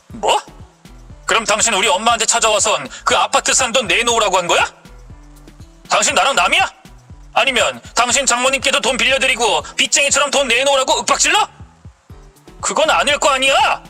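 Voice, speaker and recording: A woman's voice: high voice, bright, forceful tone, pitched above the performer's own voice, full character voice. A woman reading the part of an indignant husband who defends his mother and accuses his wife.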